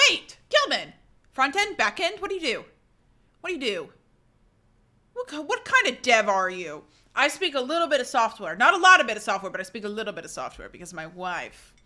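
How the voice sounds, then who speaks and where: Easygoing and loose, the young woman streamer answers comments she reads aloud from her live audience, her bright, rather high voice full of fillers, restarts and casual cursing. She mentions that tiredness makes her voice fairly low and relaxed.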